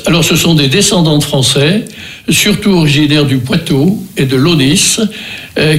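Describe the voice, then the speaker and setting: An older man with a Beaujolais accent hosts a local radio music show. His voice sits a bit high, and he talks in a meandering way, stopping and starting again often. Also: fairly bright tone. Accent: French from Beaujolais. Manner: rambling, hesitant, many restarts and fillers. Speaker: radio host.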